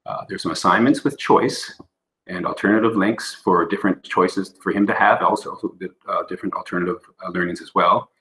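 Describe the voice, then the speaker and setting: A man's voice: low voice, fairly even intonation, a little fast, sharp tone, rough recording. A middle-aged man presenting at a remote school board meeting over a video call, explaining at length with frequent fillers and restarts. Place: indoor room on a video call.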